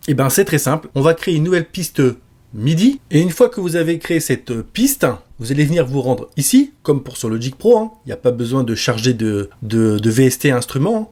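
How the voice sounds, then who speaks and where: A man giving a relaxed step-by-step music software tutorial with casual fillers. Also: on the high side, slightly rough. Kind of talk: screen-recorded software tutorial.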